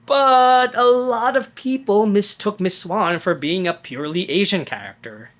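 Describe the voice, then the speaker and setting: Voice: medium pitch, a little slow, fairly bright tone, a little hiss or hum. A narrator reading a scripted video essay in a conversational tone with wry asides.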